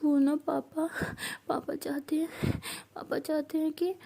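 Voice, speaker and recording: A woman's voice: high voice, level tone, unhurried, creaky, mellow, voice pushed up. A woman voicing a drunk young college woman, clingy and tearful, with slurred, childish whining. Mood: drunk pleading. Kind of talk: storybook role-play.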